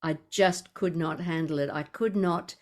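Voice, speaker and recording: Chatty older Australian woman, lowish voice. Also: steady tone, a little slow, a little mellow. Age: 70s. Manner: chatty, laughs easily, rambling asides. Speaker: podcast host. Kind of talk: conversational interview.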